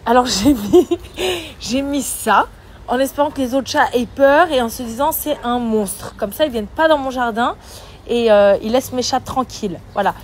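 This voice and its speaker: High-voiced woman with a lisp. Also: moderate pace, slight background noise. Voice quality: lisp on s sounds. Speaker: vlogger filming social media stories. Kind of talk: casual chat to followers.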